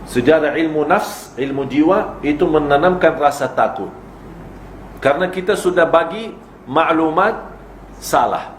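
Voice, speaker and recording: A man's voice: on the high side, measured pace, a little hiss or hum. Man preaching in an echoey hall. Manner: explains with rhetorical questions and acted examples. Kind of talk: religious lecture on parenting. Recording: echoey room with faint ambience.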